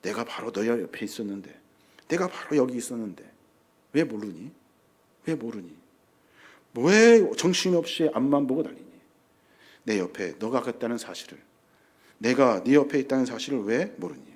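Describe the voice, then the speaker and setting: A preacher voicing God as a gentle presence close at hand, speaking quietly and deeply in a hushed, coaxing way. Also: male voice, big pitch swings, moderate pace, few pauses. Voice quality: quiet and deep.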